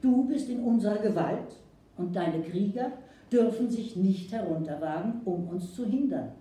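Woman voicing a calm commanding frontier hero. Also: medium pitch, normal speed, close to an everyday voice. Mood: stern. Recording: echoey room, distant mic.

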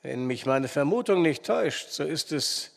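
A man voicing a calm, decisive male investigator who explains firmly, in reverberant sound. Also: fairly high pitch, moderate pace, gravelly.

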